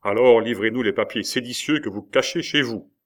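A man's voice: medium pitch, a little fast, lightly acted. A man voicing a stern male magistrate who questions with formal insistence.

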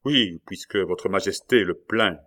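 A man's voice: low voice, unhurried, a bit bright. A man reading aloud, voicing a wounded young nobleman who speaks fervently and pleads with passion. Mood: earnest.

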